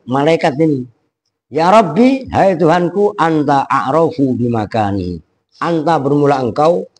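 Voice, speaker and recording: Casting: man, kitab teacher, slightly high voice, loose and chatty. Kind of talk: pesantren kitab lesson, word-by-word translation.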